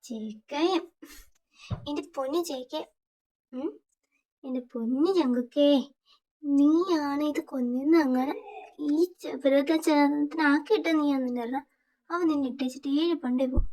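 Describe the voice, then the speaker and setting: A woman's voice: high voice, fairly even intonation, unhurried, pauses often, a little mellow. A woman voicing a blunt young man who keeps questioning his friend. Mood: bemused.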